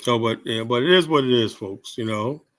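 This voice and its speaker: A man's voice: mid-range voice, moderate pace, fairly bright tone. A man in his seventies talking casually on a livestream, rambling and blunt, swearing freely and tagging lines with "you know?". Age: 70s. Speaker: livestream host. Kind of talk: casual live-stream monologue.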